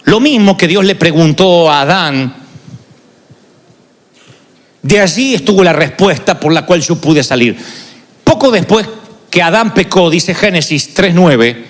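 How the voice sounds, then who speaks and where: Male pastor, sermon, very lively pitch, long hall echo. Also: unhurried, long pauses. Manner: confessional, dramatic storytelling. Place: large church arena.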